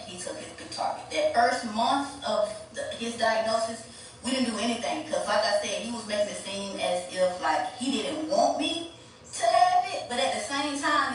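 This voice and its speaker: A woman telling a personal story in a casual, candid, rambling way, swearing freely. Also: on the high side. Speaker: vlogger. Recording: roomy echo, distant mic, ambient noise.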